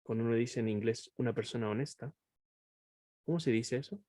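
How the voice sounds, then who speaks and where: Teaching an online class through a computer microphone, a male English teacher speaks a little fast in a warm, middle-range voice. He explains patiently, pauses often to check understanding, and shifts easily between two languages. The recording is dry, without room echo.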